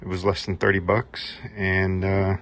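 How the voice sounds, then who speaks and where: A laid-back middle-aged HVAC technician with a low voice and measured pace demonstrates a tool at his indoor home garage workbench. The casual demo is relaxed, rambling, and full of fillers, captured by the camera mic while he stays off-frame behind it.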